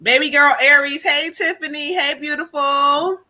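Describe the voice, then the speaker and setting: This is a woman hosting a casual live tarot stream. She talks loose and slangy, laughs easily and swears now and then. Her voice is bright and a little high. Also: fairly even intonation, moderate pace, rough recording. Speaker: tarot reader and co-host.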